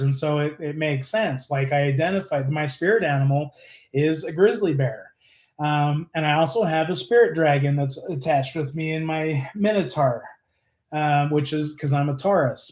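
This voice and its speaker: A man's voice: on the high side, normal speed, darkish tone. Earnest, rambling man with a roomy echo. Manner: rambling, earnest storytelling with many fillers and restarts. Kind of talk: casual live-stream chat.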